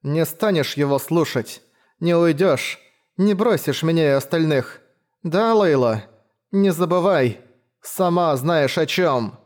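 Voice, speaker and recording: A man voicing a frail bedridden young man who is clingy and possessive, hoarse and muffled. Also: on the high side, expressive, slow, pitched above the performer's own voice.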